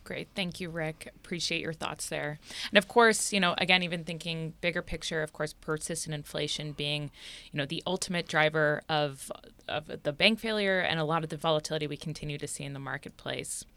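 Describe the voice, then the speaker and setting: A woman's voice: deep voice, fairly quick, sharp tone, no echo. A woman hosting a financial interview, putting prepared questions to a guest. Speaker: interview host.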